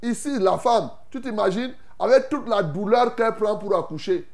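High-voiced man preaching an animated sermon. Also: moderate pace. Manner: animated, acts out Bible scenes with loud outbursts; folksy asides to the congregation.

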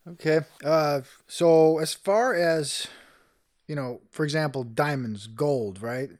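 Slow-talking man asking questions. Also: on the high side, a little mellow, no echo, studio quality. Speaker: interviewer. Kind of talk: casual interview questions.

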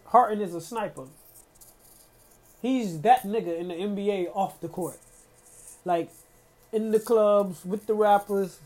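A man's voice: high-pitched, darkish tone. A man hosting a casual solo podcast, ranting in a heated, profane way with lots of slang and fillers. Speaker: podcast host.

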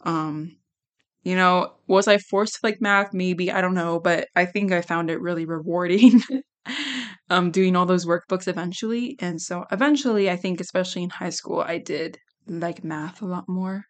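A young adult woman hosting a casual solo podcast, giggly and rambling, with a slightly hoarse, worn-out voice. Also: fairly low pitch, normal speed. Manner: giggly, rambling, self-deprecating. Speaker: podcast host.

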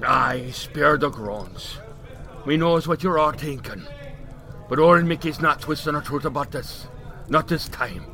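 A man's voice: a little high, unhurried, sharp tone, pitched above the performer's own voice. A man voicing a superstitious old Irish villager with an Irish accent, breathless and theatrical. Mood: fearful.

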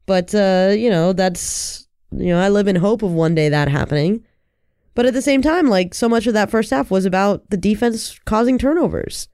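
A man's voice: sits high, normal speed, darkish tone, smooth, no echo, studio quality. A man co-hosting a sports podcast with casual, earnest commentary, repeating phrases for emphasis while under the weather with a cold.

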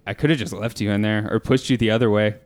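A man's voice: on the low side, steady tone, fast, a little mellow. A man narrating and describing scenes as the game master of a tabletop game.

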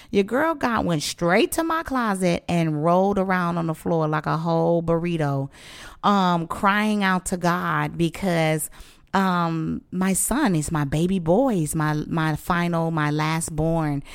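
Emotional woman sharing testimony. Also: clear, resonant tone. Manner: emotional, breaks into high pitched pleading when recounting prayer. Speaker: minister. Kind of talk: personal testimony.

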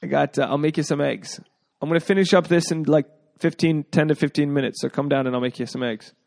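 A man's voice: a little high, fairly even intonation, fast, vocal fry, a little mellow. A man hosting an advice podcast in a casual, rambling way, with jokey asides. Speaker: podcast host. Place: indoors at home.

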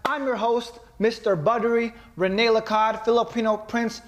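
A man's voice: extremely high pitch, flat delivery, normal speed. A man hosting a podcast, announcing grandly in the manner of a circus ringmaster. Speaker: podcast host. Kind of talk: showy podcast introduction.

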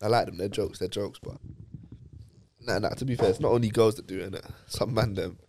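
A man's voice: lowish voice, a little fast, background noise. A young man, co-hosting a casual podcast chat, telling stories in slang and laughing often. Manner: laughing, slangy, animated storytelling. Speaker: podcast co-host.

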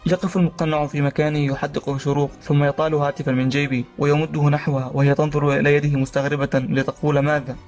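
A man narrating a story in a steady, reading style. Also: fairly high pitch, soft background music. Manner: rapid, even reading.

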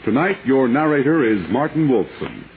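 A man announcing in a measured, stately broadcast manner, heard from an old 1940s radio recording. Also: medium pitch, sing-song. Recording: tinny old radio broadcast over loud music.

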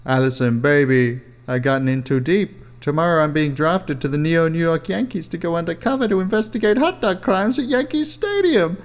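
A man voicing a loud, foul-mouthed, hard-drinking male cop in a frenzy. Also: fairly high pitch, moderate pace, few pauses, voice pushed up, natural voice. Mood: frantic.

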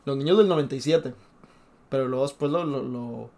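A man's voice: medium pitch, fairly quick, warm tone. Stammering young Mexican man rambling. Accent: Mexican Spanish. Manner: rambling, stammers and repeats words often. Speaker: podcast co-host. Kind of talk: casual chat.

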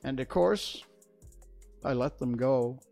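A reader voicing a big, cowardly male lion in a storybook reading, speaking gently and mournfully with hesitant pauses. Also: medium pitch, creaky, faint music behind. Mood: sorrowful.

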